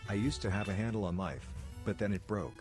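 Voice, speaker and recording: A man with a deep voice tells short jokes as a comedian. His delivery is measured and deadpan, moving from setup to punchline. Music plays behind him. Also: slightly rough.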